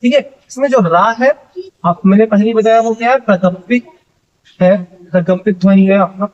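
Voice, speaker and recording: A man's voice: sits high, brisk, darkish tone. A male teacher giving an exam-prep grammar lesson, who keeps asking his students questions and then answers them himself. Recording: dull lo-fi audio.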